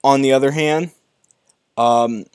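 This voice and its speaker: A man's voice: mid-range voice, fairly even intonation, slow, a little mellow, smooth, no echo, clean studio sound. A young man hosting a live stream, reading movie news articles aloud and commenting, often stumbling and restarting words. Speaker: YouTube movie news host.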